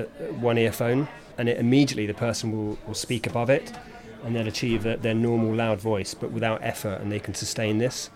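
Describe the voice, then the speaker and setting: A man working as a speech therapist, calmly explaining treatment techniques in conversation. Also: mid-range voice. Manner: measured, explanatory.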